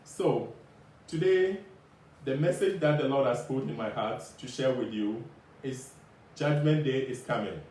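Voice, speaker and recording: A man singing a solemn, repetitive gospel warning in drawn-out phrases. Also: medium pitch, a little mellow. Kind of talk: slow sung gospel refrain about judgment. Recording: very echoey, distant mic, faint noise.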